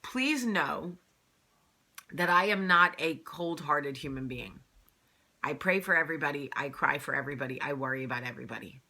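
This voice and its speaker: In a casual direct-to-camera vlog, the woman hosting speaks earnestly and emphatically, with repeated phrases and lots of "um." Her low voice is pushed and bright, with lively intonation, at a moderate pace.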